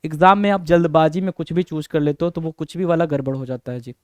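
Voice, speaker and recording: A man teaching English grammar for an exam in a mix of Hindi and English with an Indian accent, patiently repeating points, asking questions and answering them himself, reading example sentences slowly. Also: a little high, steady tone, a little mellow, clear, resonant tone, no room sound. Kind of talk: exam-prep lesson in mixed Hindi and English.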